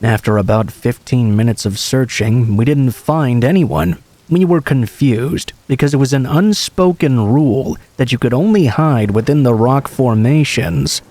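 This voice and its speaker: A man reading true scary stories aloud in the first person, in an even storytelling way. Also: medium pitch, a little slow, dry recording. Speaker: horror story narrator.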